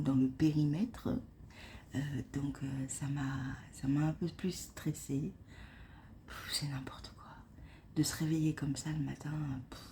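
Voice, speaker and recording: A woman whispering and speaking very softly in a hushed early-morning vlog, hesitant, with many fillers and restarts. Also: low-pitched, a little hiss or hum. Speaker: vlogger. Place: at home before dawn.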